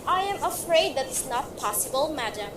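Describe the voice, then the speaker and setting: A woman's voice: sits high, lively intonation, moderate pace. A woman playing a formal, courteous telephone operator in an amateur radio play. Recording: echoey, distant, noisy amateur recording.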